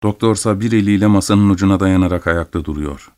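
A man reading a story aloud as narrator, in a measured, expressive manner. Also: low-pitched. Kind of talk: audiobook reading.

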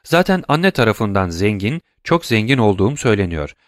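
A man's voice: on the low side, big pitch swings, fairly quick, no echo, studio quality. A man voicing a tearful, devoted young granddaughter in an audiobook, earnest and pleading. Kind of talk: audiobook reading.

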